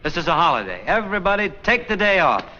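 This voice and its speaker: An actor playing a genial parish priest from Missouri in a 1940s film, easygoing and joking. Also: male voice, sits high, big pitch swings, fast, a loud crowd. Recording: hissy dull 1940s film soundtrack.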